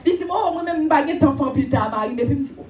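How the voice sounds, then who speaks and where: A woman preaching a sermon and telling a personal testimony, animated and often raising her voice with laughter. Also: sits high, very fast, reverberant, recorded from a distance. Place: church.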